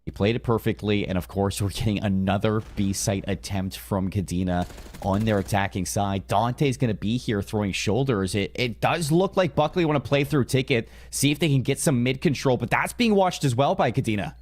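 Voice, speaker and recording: A man's voice: lowish voice, normal speed, darkish tone. A man giving live esports commentary, following the play and analysing team tactics as he goes.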